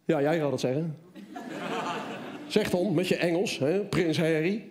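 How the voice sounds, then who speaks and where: A man's voice: fairly high pitch, measured pace, a crowd in the background, pitched below the performer's own voice, natural voice. A man doing a stubborn old father in his seventies. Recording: echoey theater with audience.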